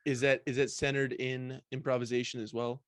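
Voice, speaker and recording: A man hosting a podcast, asking questions in an easygoing, joking way with halting restarts. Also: medium pitch, little pitch movement, no echo. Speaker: podcast host. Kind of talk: casual podcast interview.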